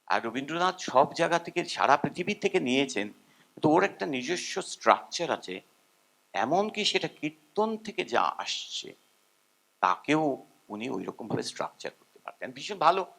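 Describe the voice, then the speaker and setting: Older guy rambling at a seminar, bright lively voice, goes up and down a lot, hums bits of tunes. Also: fairly high pitch, normal speed, vocal fry. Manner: animated, rambling, self-deprecating, hums tunes. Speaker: seminar speaker, musician. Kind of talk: informal seminar talk.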